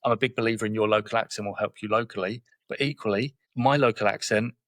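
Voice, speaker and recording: Fast-talking southern English man in his forties. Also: on the low side, steady tone, fairly bright tone, no echo. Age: 40s. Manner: straight-talking, tells anecdotes with quoted dialogue. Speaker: guest, property investor. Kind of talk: podcast interview conversation.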